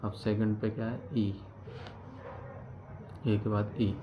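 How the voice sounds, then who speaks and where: Taking it slowly, a man with a lowish voice and flat delivery works through a grammar lesson one step at a time. He repeats important terms and answers the questions he raises. The recording is dull and lo-fi, with noise in the background.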